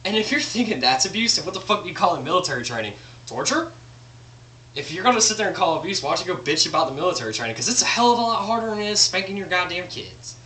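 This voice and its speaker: A man's voice: high voice, big pitch swings, fast talker, bright, forceful tone. A young man vlogging a blunt, profane rant. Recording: roomy echo, distant mic, faint hum.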